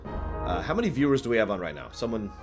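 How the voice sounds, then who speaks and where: A man hosts a live stream with background music, casually answering viewers' questions in an emphatic, opinionated style full of conversational asides. His voice is on the low side, with big pitch swings and a quick pace.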